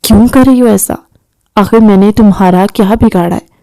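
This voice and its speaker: A woman's voice: medium pitch, creaky, dark tone, no room sound, lightly acted. A woman reading the part of a grown male kidnapper in a storybook, threatening and short-tempered. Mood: irritated. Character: gruff irritable male kidnapper, grown man.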